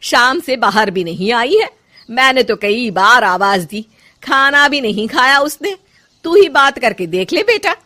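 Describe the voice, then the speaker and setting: A woman's voice: on the high side, animated, measured pace, pushed and bright. A woman voicing a kind, proud older mother-in-law. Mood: worried. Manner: affectionate.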